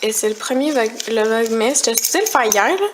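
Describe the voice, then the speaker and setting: Young woman, Quebec French accent, slightly high voice, rambling vlog chat, clatter of dishes behind. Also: lively intonation, fairly quick, noisy background. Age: young adult. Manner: chatty, rambling, disgusted complaints. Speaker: vlogger.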